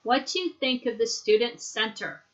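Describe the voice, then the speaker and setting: A woman teaching English, leading a slow repeat-after-me drill and patiently explaining words and pronunciation. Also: fairly high pitch, animated, lo-fi sound.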